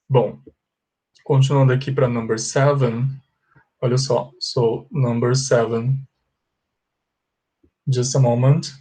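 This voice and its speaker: A man's voice: medium pitch, flat delivery, dark tone, slightly rough. Brazilian man teaching English grammar. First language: Portuguese. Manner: explains in Portuguese, reads English examples slowly. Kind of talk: online English grammar lesson.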